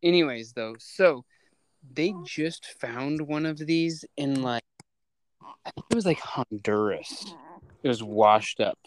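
A young man co-hosting a casual podcast, rambling excitedly with lots of fillers. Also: medium pitch, slow, low-quality recording. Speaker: podcast co-host.

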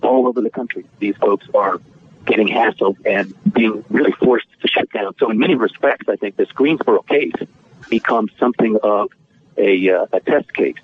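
A man, an attorney, talking as a guest in a radio interview over the phone, in an earnest, measured way with filler pauses. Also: fairly low pitch, breathy edge. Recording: tinny dry phone line.

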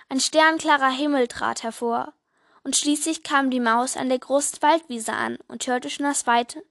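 A young woman reads a bedtime story aloud and then chats casually from her bed, laughing off her own slips. Her voice sits high. The recording is close and dry. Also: fairly bright tone, no room sound. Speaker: vlogger. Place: indoors, sitting on a bed.

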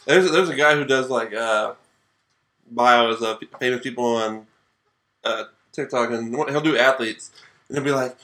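A man with an ordinary mid-pitched voice, talking sports casually with a co-host. He keeps it dry and laid-back, reading out names and tossing in deadpan jokes. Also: moderate pace. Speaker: podcast co-host.

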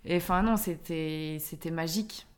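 Animated Belgian woman telling a story. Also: sits low, moderate pace, smooth. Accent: Belgian French. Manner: animated storytelling, laughs often. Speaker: podcast guest. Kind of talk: casual chat.

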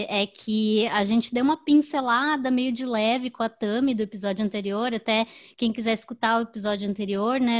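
A woman co-hosting a podcast, chatty and explaining at length. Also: medium pitch. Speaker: podcast co-host. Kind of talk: casual podcast chat.

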